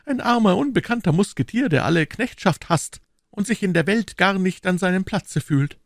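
A man's voice: sits high, lively intonation, moderate pace, creaky, no room sound, clean studio sound, pitched above the performer's own voice, heavily acted. A man voicing a young musketeer in an audiobook, theatrical and declamatory, swinging between gloom and rapture. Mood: melancholy. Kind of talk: audiobook character voice.

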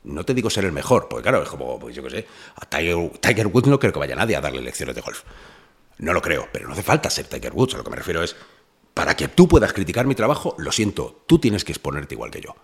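Animated deep-voiced man. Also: fast, gravelly. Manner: loud, animated storyteller with swearing and laughs. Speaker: rapper guest. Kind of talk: casual podcast interview.

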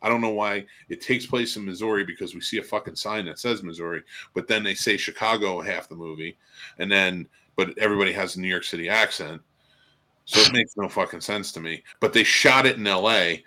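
Here a middle-aged film podcast panelist speaks fairly quickly, his low voice bright and forceful. Exasperated, he rants about movies in a loose, casual way, cursing without restraint.

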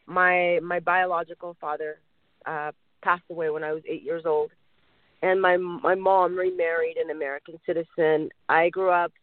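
A man from Mexico speaks earnestly as an interview guest, circling back to rephrase his points. His voice sits high. The sound is thin and phone-like, with no room echo. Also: level tone, normal speed. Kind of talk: conversational interview answers. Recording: dry, phone-like line.

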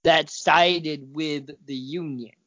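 A man's voice: a little high, steady tone, slow pace, sharp tone, no echo. A man co-hosting a podcast, chatting casually in an easygoing, agreeable way, from Oregon. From Oregon, USA. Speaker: podcast co-host. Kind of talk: casual chat. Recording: dry, dull lo-fi sound.

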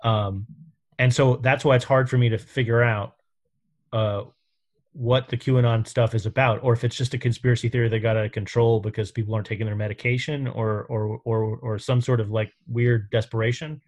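A man from New York hosts a casual podcast conversation. He thinks out loud, hesitates, and circles back to his questions. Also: medium pitch, steady tone, fairly quick. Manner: musing, hesitant, thinks aloud.

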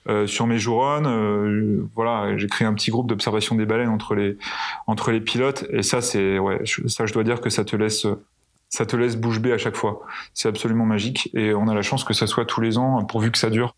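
A man's voice: on the low side, fairly even intonation, normal speed. A male pilot telling flight anecdotes in a casual interview, hesitant with many fillers and restarts. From France. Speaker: pilot guest.

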